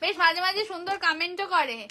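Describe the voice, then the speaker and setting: A woman's voice: very high-pitched, quick pace, sharp tone, slight background noise. A woman with a Kolkata Bengali accent hosting a casual live sale of saris, chatty and repeating prices, her voice tired. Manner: chatty, repeats prices, greets viewers by name. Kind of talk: casual live-stream sales chat.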